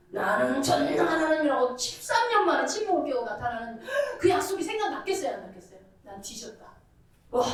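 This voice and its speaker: Animated woman preacher in echoey hall. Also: high voice, recorded from a distance. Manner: animated, conversational, many rhetorical questions. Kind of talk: sermon. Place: church sanctuary.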